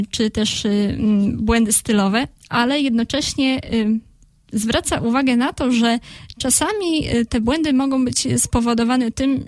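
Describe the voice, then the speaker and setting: A woman's voice: a little high, dry recording. A woman presenting a radio segment on language, explaining at length with frequent hesitant filler sounds.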